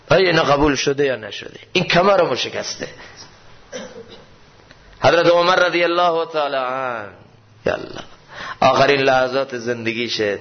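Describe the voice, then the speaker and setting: A male preacher giving a sermon in a mosque, moving from loud impassioned cries to low, solemn tones. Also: dull audio. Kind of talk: sermon on mystical poetry.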